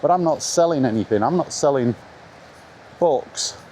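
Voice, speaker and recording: Speaking warmly at a normal speed, a middle-aged man gives an animated, no-nonsense vlog monologue about retro games as he walks outside in the rain, often repeating his points for emphasis. His pitch is medium, and the outdoor recording picks up plenty of ambient noise.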